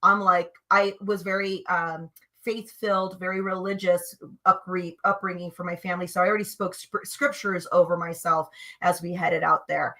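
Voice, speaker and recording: Bright-voiced woman telling animated stories. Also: fairly low pitch, normal speed. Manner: animated, emphatic, swings between hushed and loud. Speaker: guest sharing spiritual experiences. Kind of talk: conversational storytelling.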